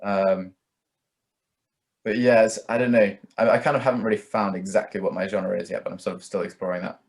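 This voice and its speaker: A young musician, a guest in a casual interview, rambles and hedges, peppering his speech with "like" and "kind of." His voice is on the low side and gravelly, with little pitch movement, and he talks a little fast.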